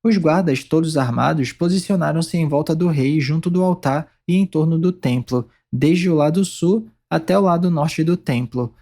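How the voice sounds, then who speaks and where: A man reads scripture aloud in a warm, mellow voice that sits a little high for a man. His delivery is steady and measured, with clear pauses between phrases. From Brazil. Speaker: Bible reader.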